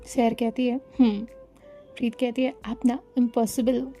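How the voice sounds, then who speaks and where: A woman narrating a romance story, reading all the characters' lines herself in a calm, even voice. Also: fairly high pitch, a little slow, faint music behind. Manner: reads every character's lines in her own voice, calm and even.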